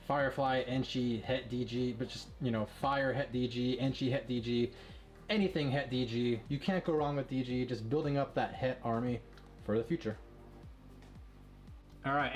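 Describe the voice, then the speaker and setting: A man breeding ball pythons, talking casually and quickly with lots of fillers as he shows his snakes. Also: medium pitch. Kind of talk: casual vlog showing animals.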